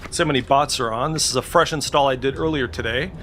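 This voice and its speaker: Fast and a bit bright, a man's mid-range voice carries a little hiss or hum as he gives an informal tech walkthrough. He's a tech video creator indoors at his computer, sharing his screen unscripted, hesitant and thinking aloud, swearing mildly once in a while.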